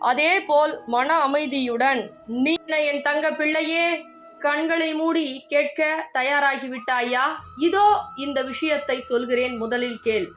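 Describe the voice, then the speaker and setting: A woman's voice: sits high, steady tone, slow pace, a bit bright, a little hiss or hum. A woman delivering a devotional message in the goddess's voice, earnest, scolding and pleading as she addresses the listener as her dear child. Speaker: devotional speaker.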